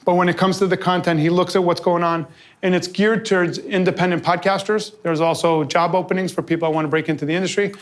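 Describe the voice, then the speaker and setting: A man from New York giving an energetic live presentation to an audience as a convention founder, telling stories with quick asides and quoted back-and-forth. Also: high voice. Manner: fast, animated storytelling with quick asides and quoted dialogue. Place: office event space with a live audience.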